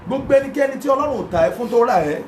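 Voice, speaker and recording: A Nigerian man preaching a sermon as pastor, fervently chanting repeated prayer lines and often breaking into shouts. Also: extremely high pitch, lively intonation, very fast. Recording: echoey room with background noise.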